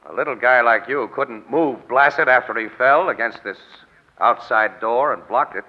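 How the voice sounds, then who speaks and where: An actor playing a wry, cool-headed crime photographer who talks in slangy tough talk in old-time radio detective drama style. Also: male voice, medium pitch, moderate pace, close to an everyday voice. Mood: terse, probing. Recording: dull vintage radio recording.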